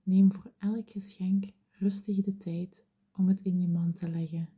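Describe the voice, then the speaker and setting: Female meditation guide, whispered delivery, very slow and dark-toned. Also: on the low side, little pitch movement, husky. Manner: slow, soothing, gentle.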